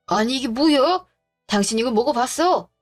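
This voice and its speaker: A woman voicing a stern, grumpy older father-in-law who scolds gruffly. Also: fairly high pitch. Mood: scolding.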